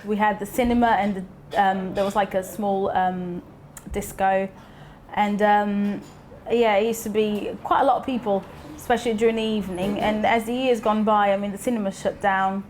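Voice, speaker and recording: A woman's voice: medium pitch, fairly even intonation, normal speed, a little mellow, a little hiss or hum. A woman from Portugal with a Portuguese accent, chatting casually in an interview with plenty of fillers. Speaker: local resident.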